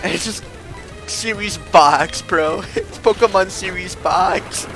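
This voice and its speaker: A young man with a lisp streams a game and chats loosely, rambling in a slangy style and poking fun at himself. His voice is high, and he takes his time speaking. Video game music plays in the background.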